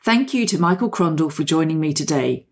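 Woman, low-ish voice, podcast host, polite, measured questions. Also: expressive. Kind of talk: podcast interview.

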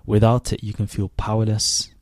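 A man in his twenties, raised in Sweden, hosting a reflective solo podcast in a thoughtful, unhurried way with many restarts. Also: fairly low pitch, monotone, no room sound. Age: 20s. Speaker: podcast host.

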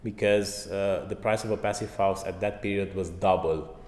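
This guest is a Romanian passive house trainer, a native speaker of Romanian and Hungarian, chatting in a casual interview. He has a deep voice and a moderate pace, and he acts out quotes with lots of fillers as an animated storyteller. The hall is roomy and echoey, with faint noise behind him.

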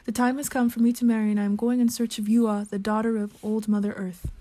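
A woman's voice: fairly high pitch, little pitch movement, fast talker, mellow, dry recording, lightly acted. A woman reading aloud the lines of an eager young male warrior in a storybook tale, in a voice close to her own.

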